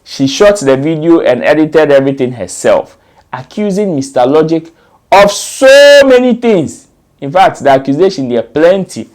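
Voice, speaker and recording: A man's voice: on the high side, a little mellow. A man hosting a commentary show, reading out a news story and quotes in an explanatory way, with fillers and restarts.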